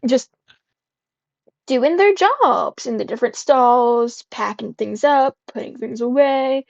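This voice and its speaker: A woman's voice: fairly high pitch, lively intonation, takes it slowly, gravelly, no echo, lo-fi sound. A woman running a tabletop game as game master, talking casually and bluntly. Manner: casual, unbothered, profane. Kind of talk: narrating a tabletop game over voice chat.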